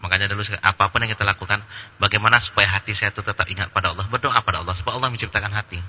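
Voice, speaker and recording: This Islamic preacher fields questions in a lively lecture, his lowish voice very bright and husky as he speaks very fast. Humorous and colloquial, he plays out little anecdotes; the audio has a long hall reverb and cut-off highs.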